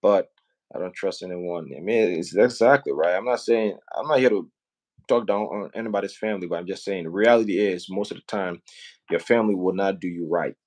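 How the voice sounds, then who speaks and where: A Liberian man hosts a casual live stream promoting home building back home, his low voice fairly quick and darkish in tone. He talks earnestly and persuasively, often checking in with "right?" and "you know what I mean?"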